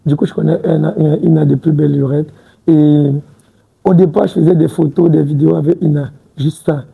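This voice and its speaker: A man's voice: on the high side, fairly even intonation, fairly quick, gravelly, dark tone, breathy edge, poor audio. A man in his twenties, a guest in a studio interview, talking casually and hesitantly, restarting words and often adding "tu vois un peu". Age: 20s. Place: TV studio set.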